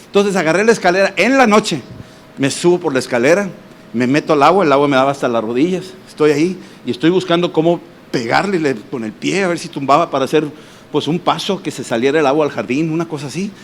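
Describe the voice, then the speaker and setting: A man, a pastor, preaching a sermon and telling personal testimonies in an animated way with acted voices and sound effects. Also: fairly high pitch, fast talker, a little hiss or hum. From Mexico. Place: church congress hall.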